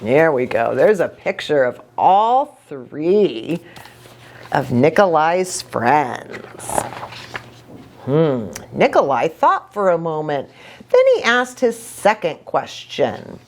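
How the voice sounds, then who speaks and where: Speaking in a low, slow voice, a woman serving as a church storyteller reads a story aloud to young children. She's expressive and drops in chatty asides along the way.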